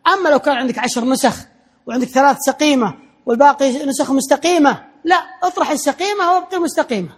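Male lecturer, high voice, explanatory classroom delivery with restarts. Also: racing. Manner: explanatory, repeating points, frequent restarts.

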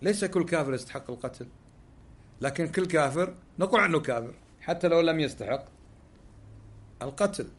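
A man's voice: on the high side, animated, fairly quick, long pauses. A man teaching a religious lesson, posing rhetorical questions and answering them himself. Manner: Gulf Arabic dialect. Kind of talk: sermon-style lesson with questions.

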